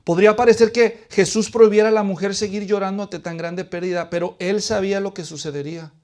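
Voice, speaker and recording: A man from Latin America preaching a sermon who asks his listeners questions and answers them, moving between hushed pleading and loud emphasis. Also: high-pitched, steady tone, a little fast.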